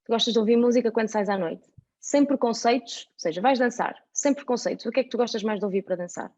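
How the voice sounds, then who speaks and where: Animated woman, European Portuguese accent. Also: fairly high pitch, fast talker, dull audio. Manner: animated, talks in examples. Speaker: podcast guest. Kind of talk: casual interview chat.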